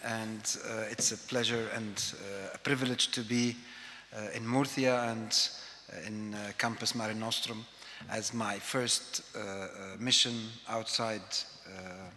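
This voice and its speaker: A man from Egypt giving a conference talk, pausing often with "uh" fillers as he speaks. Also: fairly low pitch, fairly even intonation, bright, forceful tone, a little hiss or hum. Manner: hesitant, many "uh" fillers. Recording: hall with long reverb.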